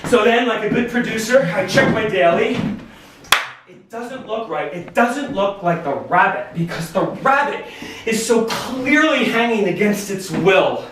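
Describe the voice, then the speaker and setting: A man performing a live storytelling set, animated and profane, at times shouting. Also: high-pitched, a little slow. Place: stage at a storytelling concert. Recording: echoey room, distant mic, audible noise.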